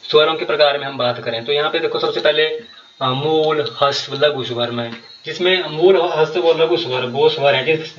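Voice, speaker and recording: Man teaching in a bright voice. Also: medium pitch, roomy sound, distant mic, lo-fi sound. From Himachal Pradesh, India. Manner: explains step by step, repeating terms with many fillers. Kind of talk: Hindi grammar lesson for exam prep.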